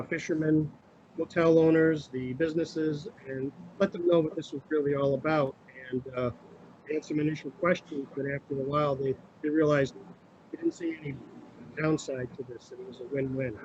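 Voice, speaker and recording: A middle-aged man, a county administrator, giving a formal, halting presentation to a committee over a crackly remote phone line that fades in and out. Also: on the high side. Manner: halting, with many filler sounds. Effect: crackly remote phone line, fading in and out.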